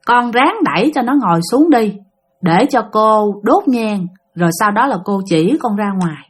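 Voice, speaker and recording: Woman doing a soft-spoken older spirit woman. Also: mid-range voice, breathy edge, voice pushed down. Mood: calm instructing. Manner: soft, calm and slow.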